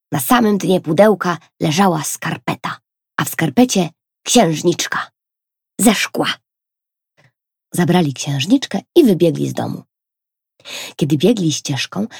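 Storyteller woman, expressive children's reading, husky voice, dry close sound. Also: lowish voice, no room sound. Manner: expressive, gentle.

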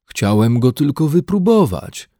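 A man's voice: medium pitch, big pitch swings, unhurried, dark tone, no echo, studio quality, voice pushed up. A man voicing a polite, eager young bear in an audiobook reading, earnest and a little naive. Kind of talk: audiobook character voice.

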